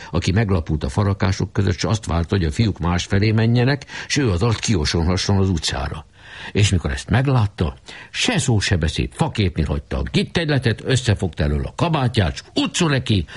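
A man narrating a storybook with an expressive, scripted reading. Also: low-pitched, slightly rough. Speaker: audiobook narrator.

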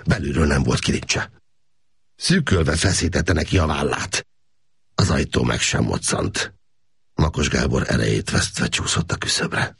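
A man narrating an audiobook in a steady, expressive reading voice. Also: a bass voice, vocal fry, slightly rough, no echo, clean studio sound.

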